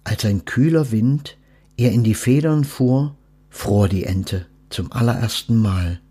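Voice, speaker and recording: A man's voice: medium pitch, unhurried, breathy edge. A man hosting a podcast, reading a children's story aloud and then reflecting thoughtfully on death and letting go. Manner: thoughtful, gently instructive.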